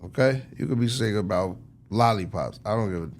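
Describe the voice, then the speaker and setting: In a lowish, slightly fast voice, a man takes the role of a record executive being interviewed. He talks shop casually but with real passion, persuading emphatically, using lots of slang and repeating himself.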